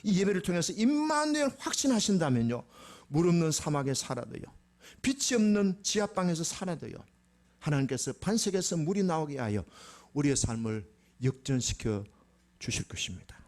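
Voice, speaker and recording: A man's voice: a little high, sing-song, moderate pace, a little mellow. A male pastor preaching a sermon in a church sanctuary, emphatic and full of rhetorical questions to his congregation.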